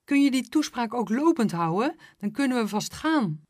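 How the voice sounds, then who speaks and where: A brash old woman in a wheelchair barks orders and teases the others, in a raised, higher voice, as a woman reading aloud puts her on. She talks loud and blunt, like a cheeky storybook grandma. The sound is dry and close. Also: expressive, moderate pace, no echo. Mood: bossy. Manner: brash, teasing.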